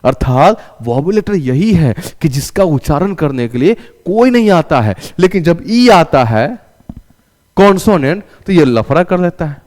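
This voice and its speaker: A man's voice: on the high side, very animated, a little slow, a little mellow, in a large hall. A male teacher giving a classroom English lesson, asking questions and answering them himself and having students repeat after him. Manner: calls students "raja".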